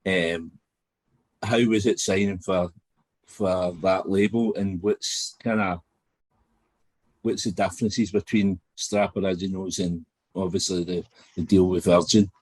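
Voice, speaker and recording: A man hosting a podcast, asking questions in a relaxed, casual way. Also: low-pitched, unhurried, dry recording. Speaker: podcast host.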